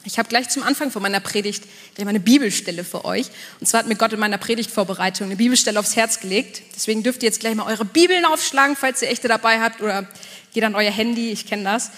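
A young woman giving a casual, lively church sermon from the stage. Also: on the high side, fast talker. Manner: casual, lively preaching with church English words. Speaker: preacher. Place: church hall. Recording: long church-hall reverb.

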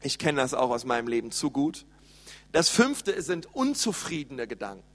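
A man preaching a lively sermon and speaking directly to his congregation. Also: medium pitch, moderate pace, in a large hall. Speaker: pastor.

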